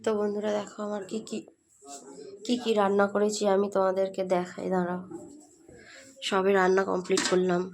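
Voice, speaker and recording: A woman's voice: medium pitch, monotone, fairly quick, long pauses, a little hiss or hum. Chatty young woman vlogging her day. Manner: chatty, addresses viewers as friends; speaks softly so passers-by won't stare. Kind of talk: casual daily vlog chat to viewers. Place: family home in a semi-rural village. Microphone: handheld phone camera.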